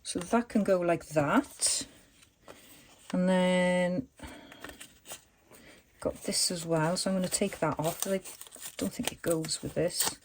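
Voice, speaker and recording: A woman talks through her crafting at a home desk, her voice sitting a little low. She rambles and thinks aloud, with plenty of ums and restarts. A faint hiss and the odd click of paper sit behind her. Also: steady tone, slow pace, pauses often. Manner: chatty, rambling, thinks aloud with many fillers. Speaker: junk journal crafter. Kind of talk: casual crafting chat.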